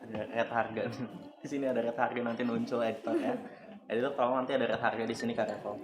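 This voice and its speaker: A young man co-hosting a casual chat in a teasing, jokey way, with soft slurred r sounds. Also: mid-range voice, little pitch movement, fast talker, a crowd in the background. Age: young adult. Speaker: podcast co-host. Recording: echoey room, voices around.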